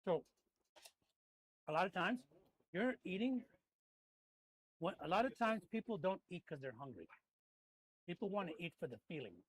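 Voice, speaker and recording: A man's voice: high voice, very animated, moderate pace, long pauses. Chatty man rambling over dinner. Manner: rambling, restarts with fillers while explaining. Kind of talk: casual chat over a meal.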